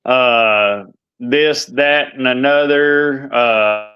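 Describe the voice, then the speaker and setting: Guy rambling n cussing on a voice chat, stream keeps chopping up, dull lo-fi sound. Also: mid-range voice. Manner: rambling, profane, halting restarts. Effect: internet stream breaking up and dropping out. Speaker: live voice chat participant. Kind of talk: casual chat. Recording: dull lo-fi online call audio.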